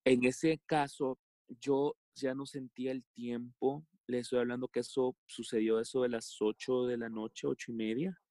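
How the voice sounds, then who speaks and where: A man from El Salvador with a Salvadoran accent, telling a personal story as a podcast guest in a halting way, with many fillers and restarts. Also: medium pitch, flat delivery, warm tone, no echo, studio quality. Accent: Salvadoran Spanish.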